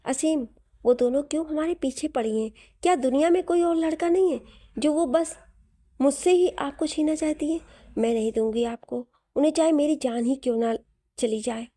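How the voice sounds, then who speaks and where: Brief: childlike, tearful young wife, voiced by a woman, high and bright-eyed, pleading, teasing. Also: moderate pace, lightly acted. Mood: anxious. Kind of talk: audio story reading.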